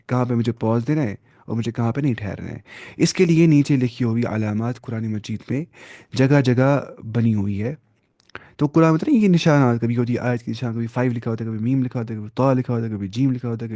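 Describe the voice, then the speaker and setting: A man teaches Quran reading in a live online class over a video call, patient and repeating each term several ways. His voice has a gravelly edge and a dark, relaxed tone. The sound is close and dry, with no room around it. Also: medium pitch, no room sound. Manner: patient, explains by repeating terms. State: sleepy.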